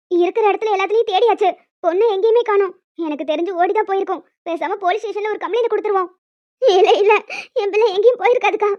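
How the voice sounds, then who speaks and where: A woman voicing several emotional village women and a young daughter in a cartoon, fast and dramatic, scolding and tearful. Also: very high voice, no echo. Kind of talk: cartoon voice acting. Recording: dull, dry lo-fi recording.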